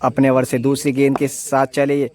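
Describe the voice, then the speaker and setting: A man giving excited live ball-by-ball cricket commentary, announcing each delivery with repeated stock phrases. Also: medium pitch, normal speed.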